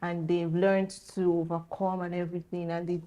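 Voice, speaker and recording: A woman hosting a studio talk show, chatting lively with guests and signing off to viewers. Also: on the low side, normal speed, dull audio. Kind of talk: casual studio chat.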